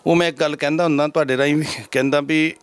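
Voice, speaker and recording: A man from Punjab, India, serving as head granthi and answering interview questions in a measured, preaching cadence. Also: fairly high pitch, fairly even intonation, smooth.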